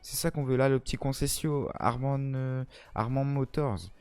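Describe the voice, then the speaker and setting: A man's voice: medium pitch, normal speed, darkish tone, clear, resonant tone, faint music behind. A young man from France giving casual, slangy, enthusiastic commentary as he tours a farming game map, talking straight to the viewer like a buddy. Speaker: gaming video host.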